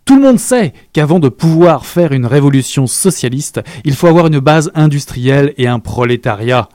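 A man reading aloud, voicing a theatrical male revolutionary leader who declaims with passion and rises to loud peaks. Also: a little high, animated, moderate pace, no room sound, clean studio sound, lightly acted. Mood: impassioned.

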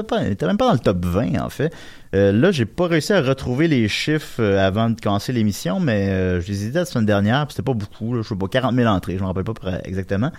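A man's voice: medium pitch, no echo. A man with a Quebec French accent hosting a casual chat show, rambling with many fillers and restarts. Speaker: podcast host. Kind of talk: casual chat about box office.

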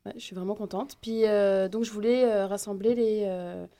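A woman's voice: mid-range voice, normal speed. A woman in her thirties from the Paris region with a Parisian accent, chatting as a guest with many fillers. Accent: Parisian French. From Paris region, France. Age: 30s. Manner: relaxed, hesitant, many fillers. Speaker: guest, hip-hop event organizer. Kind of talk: casual interview.

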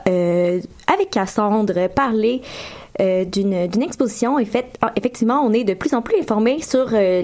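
A woman hosting a casual radio chat, playful and quick to make sarcastic asides. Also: medium pitch, darkish tone. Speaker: radio show host.

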